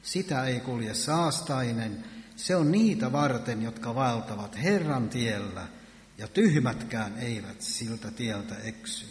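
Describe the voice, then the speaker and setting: A man's voice: mid-range voice, lively intonation. A man preaching a sermon in earnest, with emphatic rises on key words. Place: church hall. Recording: echoey church hall.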